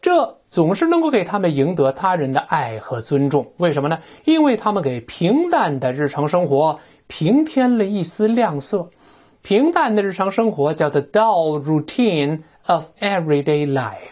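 An English teacher giving a chatty, animated vocabulary lecture, often imitating sounds and checking in with "right?". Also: mid-range voice, moderate pace. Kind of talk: classroom-style lecture on vocabulary. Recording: dull lo-fi recording.

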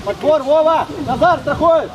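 Shouting from the touchline of an outdoor pitch during a match, a man coaching youth football repeats urgent, clipped commands and calls out his players' names. His voice is very high and moderately paced. Picked up by a distant mic, the audio sounds dull, and windy noise makes it loud and rough.

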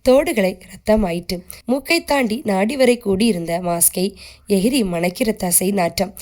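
A woman reading a short story aloud as a steady, scripted narration, keeping the characters close to her own voice. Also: medium pitch.

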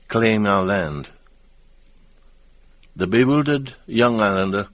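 A man narrates a storybook in a measured, low voice and at a slow pace. The recording is dry and close, with no room sound. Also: no echo.

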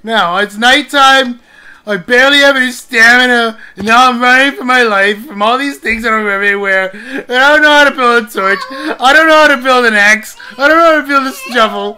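A woman's voice: a little high, fairly quick, sharp tone. A woman hosting a let's play, narrating her own moves with panicky yelps when chased. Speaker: gaming channel host.

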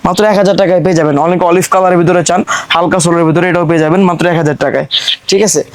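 A Bangladeshi man working as a shop seller, giving a hard-sell pitch in insistent, repetitive patter. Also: fairly even intonation, racing, dry recording. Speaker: shop seller presenting products.

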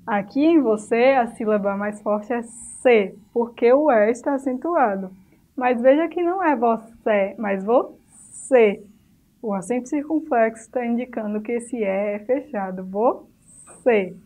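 A fairly high-voiced woman teaches a recorded lesson for young pupils. She speaks patiently, slowing down to draw out each example word, then checking in with the class. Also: warm tone, rough recording. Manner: patient, stretches out example words slowly. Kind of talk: recorded online class for children.

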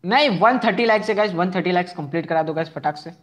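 A man's voice: high voice, quick pace, a bit bright. A young man hosting a casual live game stream, chatting with viewers, repeating himself and asking for likes. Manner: chatty, answers viewers' chat messages one by one.

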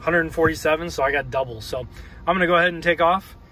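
This one comes from inside a car too: a man with a voice on the high side speaks quickly, chatting loosely about his road trip as he drives and charges. The recording quality is low, and his relaxed narration wanders with plenty of fillers.

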